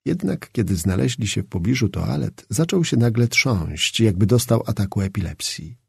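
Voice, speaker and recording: A man reads a novel aloud with expressive, dramatic storytelling and a lively, swinging pitch. His voice is gravelly and husky. The recording is close and dry. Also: moderate pace, no room sound. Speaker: audiobook narrator. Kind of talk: scripted narration.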